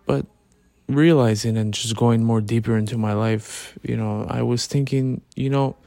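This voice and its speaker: Relaxed man lying down, flat even delivery. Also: mid-range voice, moderate pace, creaky, no echo. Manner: informal slangy talk with swearing. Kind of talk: casual spoken late-night monologue, reflective. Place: in bed at home.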